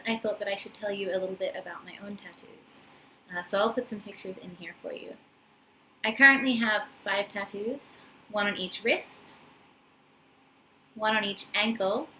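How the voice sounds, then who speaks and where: Her voice medium in pitch, bright and forceful, a Kiwi-accented woman in her twenties chats casually and warmly to camera with plenty of ums and uhs. She is a vlogger and an English teacher in Japan, filmed up close in a small room with wooden flooring and paper screens. The recording is rough, with a little background noise.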